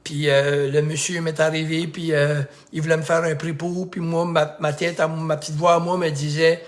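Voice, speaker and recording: A man's voice: fairly high pitch, little pitch movement, normal speed. A middle-aged man with a Québécois accent, a life coach giving a casual, rambling motivational talk that repeats itself and acts out bits of dialogue. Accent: Québécois French.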